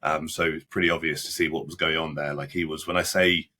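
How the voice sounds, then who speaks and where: A young man in his twenties, a podcast guest recounting events in casual interview talk, halting and blunt, often restarting his sentences. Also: extremely low pitch, little pitch movement, bright, forceful tone. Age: 20s. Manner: halting, frequent restarts and repeated words; blunt, plain-spoken with British slang.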